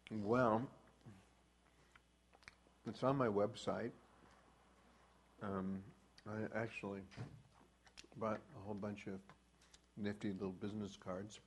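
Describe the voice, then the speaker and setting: Man, low voice, very slow pace, emphatic poetry reading, small audience. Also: little pitch movement, a little hiss or hum. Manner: slow, emphatic recitation with long pauses. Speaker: poet and speaker. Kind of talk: poetry reading then casual chat.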